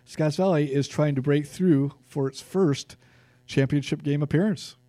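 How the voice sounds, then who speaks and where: Relaxed Californian man reading football stats. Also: on the high side, a little slow, no echo. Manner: reads stats, relaxed and conversational. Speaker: sports podcast co-host. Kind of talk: casual sports chat.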